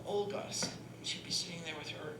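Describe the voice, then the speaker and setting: This singer and voice teacher talks briskly in a voice on the low side. Speaking on a panel in a performance hall, she demonstrates breathing with a chatty, show-and-tell manner, frequently adding "right?", while the echoey room carries a steady hum of noise.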